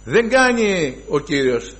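A man preaching a sermon to his brothers, emphatic, swinging from loud exclamations to hushed asides and reciting scripture in formal archaic wording. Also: fairly high pitch, sing-song. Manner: addresses the listeners as brothers.

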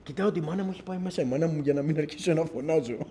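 Animated Greek man telling his testimony. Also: fairly high pitch, a little hiss or hum. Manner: animated storyteller, keeps repeating "I say" around quoted dialogue. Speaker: church member giving a testimony. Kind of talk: personal testimony to a congregation.

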